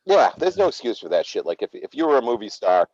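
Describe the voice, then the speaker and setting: A man from Massachusetts, co-hosting a sports show over a video call with gruff, profane, sarcastic ribbing. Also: medium pitch, very animated, quick pace, a little mellow, no room sound. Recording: dull lo-fi video call audio.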